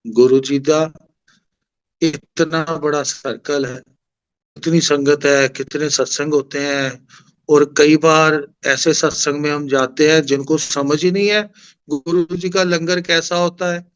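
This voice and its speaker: A man's voice: on the high side, fairly even intonation, slow, smooth. A middle-aged man with a Punjabi accent, telling a devotional story at a satsang in a conversational way and acting out the dialogue. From Punjab, India. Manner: conversational, acts out quoted dialogue. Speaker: satsang devotee sharing experience.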